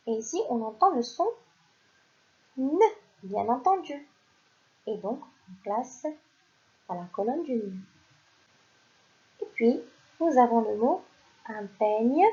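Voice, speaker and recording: A woman teaching a recorded reading lesson to young children, speaking slowly and carefully and praising the class. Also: fairly high pitch, warm tone, dull audio. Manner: slow, carefully articulated, praising. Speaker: primary school teacher.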